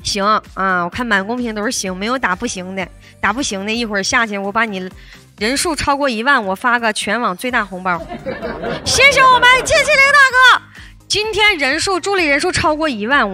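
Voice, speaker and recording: A young woman hosting a livestream, coaxing viewers to send gifts in a lively way with frequent laughter. Her voice is slightly hoarse. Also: medium pitch. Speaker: livestream host. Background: loud backing music.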